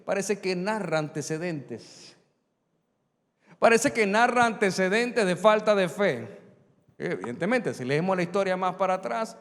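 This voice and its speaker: A middle-aged man preaching a sermon as pastor, acting out Bible dialogue in changed voices and calling on the congregation to repeat after him. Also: high-pitched. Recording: long reverb of a large hall.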